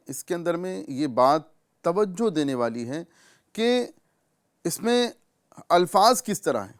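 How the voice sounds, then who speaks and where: A man with a Pakistani Urdu accent teaching correct recitation, explaining patiently and drawing out individual sounds slowly as examples. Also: fairly high pitch. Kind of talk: tajweed lesson with recitation examples.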